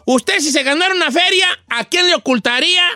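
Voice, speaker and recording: A cheeky old Mexican host with a very high, reedy voice and a bright, sharp edge. He teases, rambles and chuckles through a comedic radio talk show. The sound is close and dry. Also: a little fast, no room sound, exaggerated voice. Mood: joking. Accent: Mexican Spanish. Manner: teasing, rambling, chuckles often.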